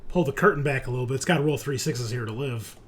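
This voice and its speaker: Talking fast in a mid-range voice, this game master narrates the action and rules on dice rolls at a tabletop roleplaying session. There's a slight hiss or hum, and music plays in the background.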